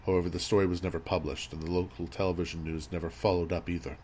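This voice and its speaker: A man reading a scripted horror story as narrator, in a measured, grave storytelling manner. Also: sits low, little pitch movement, a little mellow. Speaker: creepypasta narrator. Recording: audible background noise and ambience.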